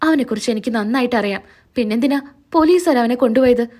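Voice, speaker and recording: A woman's voice: on the high side, fast talker, dark tone, natural voice. Woman reading as an insistent young woman. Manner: earnest, insistent.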